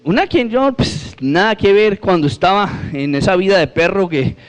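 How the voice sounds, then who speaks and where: A man's voice: high-pitched, animated, normal speed. A man giving a religious testimony to an audience, telling his story with humor and acting out the dialogue.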